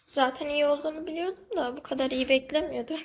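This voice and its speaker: A woman's voice: high voice, fast talker, a little hiss or hum. A woman giving casual, chatty commentary over her gameplay, talking to the game animal and to her viewers. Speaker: gaming video host.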